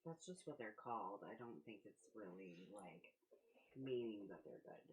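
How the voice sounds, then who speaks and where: Very low-voiced woman, blunt and dry. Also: expressive, normal speed, a little mellow. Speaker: tabletop game player. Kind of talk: in-character tabletop role-play.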